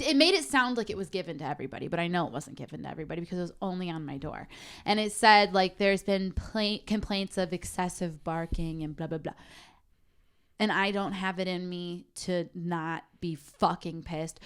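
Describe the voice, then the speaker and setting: A young woman co-hosting a podcast, telling a story in a heated, profane, casual way. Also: medium pitch. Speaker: podcast co-host. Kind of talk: casual chat.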